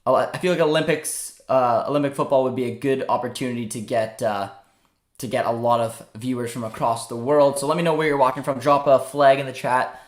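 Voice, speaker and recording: A man's voice: medium pitch, steady tone, brisk, reverberant. A young man from Canada hosting a casual live football watchalong, chatting and reading viewer comments aloud. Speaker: livestream host.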